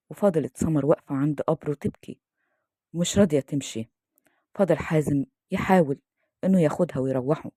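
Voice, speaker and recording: A woman with an Egyptian accent narrating a story in a calm, devout way. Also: sits low, husky, dry recording, clean studio sound. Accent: Egyptian Arabic.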